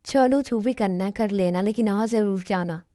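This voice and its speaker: A woman's voice: medium pitch, moderate pace, warm tone, no room sound, clean studio sound, lightly acted. A woman voicing a bossy, teasing young sister who scolds, in a fan dub. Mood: scolding.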